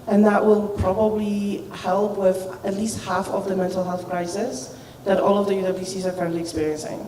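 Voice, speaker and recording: A woman's voice: medium pitch, little pitch movement, normal speed. A woman who learned English as a second language, an educator speaking earnestly and emphatically at a group discussion. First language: not English. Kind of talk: spontaneous storytelling at a group discussion. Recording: echoey room, distant mic, noise.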